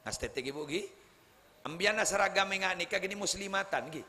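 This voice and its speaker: A man preaching a humorous religious sermon at a wedding gathering, speaking with a Madurese accent, joking and teasing his audience, then rising to loud, emphatic preaching. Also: high voice, brisk, slight background noise. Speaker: Islamic preacher. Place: large hall at a wedding celebration. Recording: live hall sound with faint crowd ambience.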